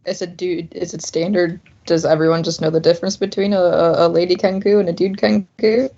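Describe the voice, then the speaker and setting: A woman's voice: on the low side, fairly even intonation, a little fast, gravelly, mellow. A woman chatting casually as a player in a tabletop game. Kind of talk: casual chat. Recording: noisy, dull lo-fi mic with clicks.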